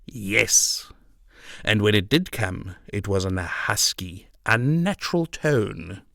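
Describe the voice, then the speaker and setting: A man narrating a classic novel as an audiobook, with an expressive reading. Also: on the low side, gravelly, no echo, studio quality. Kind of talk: scripted narration.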